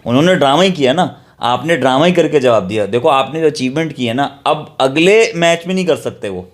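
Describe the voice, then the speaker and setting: A man talks cricket quickly and persuasively, pushing his point across. His words come out at a brisk, rapid clip. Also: fairly high pitch, animated. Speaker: co-host. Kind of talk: casual cricket chat.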